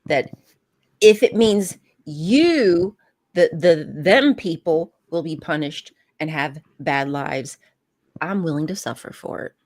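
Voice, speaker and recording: A woman's voice: deep voice, slow, darkish tone. A woman co-hosting a casual podcast chat, making emphatic points. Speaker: podcast co-host.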